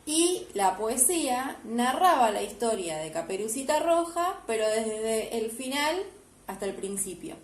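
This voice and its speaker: A woman's voice: fairly high pitch, sing-song, unhurried. A woman primary school teacher, explaining homework to children step by step. She is patient and keeps checking that they follow. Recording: echoey room, faint background hiss.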